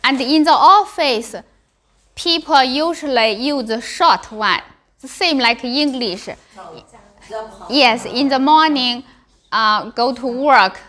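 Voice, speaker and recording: A high-pitched woman with a Chinese accent leads a language class. She speaks slowly and brightly, practicing tones by repeating short syllables and words, and encourages her learners as she goes.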